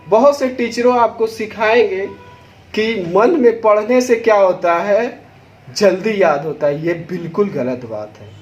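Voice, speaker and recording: A man teaching a Hindi lesson, addressing students directly and sounding out each syllable with deliberate stress. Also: sits high, a little mellow, echoey room, slight background noise. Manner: slow, stressing each syllable aloud to demonstrate. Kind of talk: classroom lesson.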